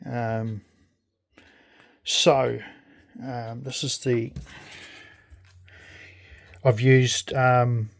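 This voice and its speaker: A man talks through a casual hands-on demonstration. His voice sits at a medium pitch, and he speaks very slowly, in a halting, friendly way. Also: little pitch movement, gravelly. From New Zealand. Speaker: video creator.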